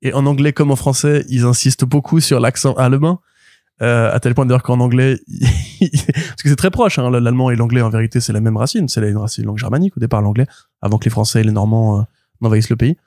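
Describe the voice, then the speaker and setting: A man co-hosting a comics podcast, retelling a plot in an animated, rambling way full of fillers and restarts. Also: mid-range voice, quick pace, no room sound, studio quality. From France. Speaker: podcast co-host, comics reviewer. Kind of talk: casual podcast chat.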